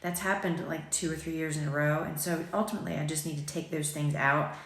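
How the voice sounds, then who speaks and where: Freshly awake and a bit raspy, a boutique-owning vlogger in her forties talks over morning tea in her sunny home kitchen, phone held at arm's length. Her deep voice is fairly bright, with fairly even intonation and a brisk pace, as she rambles chattily and self-deprecatingly, saying um often. The kitchen echoes.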